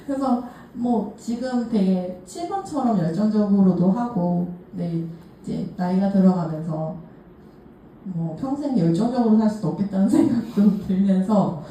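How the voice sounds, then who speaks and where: A woman's voice: mid-range voice, animated, a little slow, dark tone. A woman sharing her own story with a group, candid and laughing lightly as she talks. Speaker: case presenter at a workshop. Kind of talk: personal story talk to a group. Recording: echoey room, distant mic, faint hiss.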